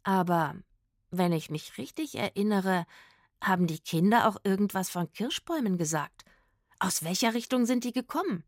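A woman voicing a calm, dry-witted young male vagabond musician who speaks in a matter-of-fact way in an audio storybook. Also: mid-range voice, moderate pace, no echo, natural voice.

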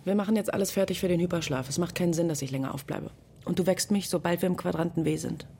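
A woman's voice: fairly low pitch, fast talker, slight background noise, natural voice. An actress playing Deirdre, a thoughtful young woman narrating a sci-fi radio drama. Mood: reflective. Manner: quiet, thoughtful, restrained.

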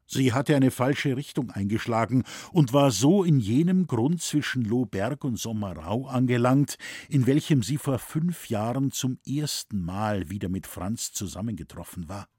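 Slow solemn guy reading a novel, dry close sound. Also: medium pitch, expressive, dark tone, slightly rough, dry recording. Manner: measured, solemn storytelling. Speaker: audiobook narrator. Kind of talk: scripted narration.

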